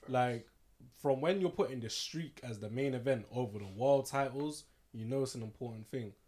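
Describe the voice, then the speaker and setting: A man's voice: medium pitch, normal speed, a little mellow. A man giving opinions in slangy, casual podcast chat. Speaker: podcast panellist.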